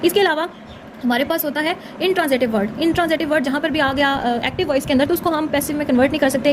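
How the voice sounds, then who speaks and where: This very high-voiced woman teaches English grammar fast, walking through each point in a casual tutorial style. She often adds brief check-in tags while clear background noise plays behind her.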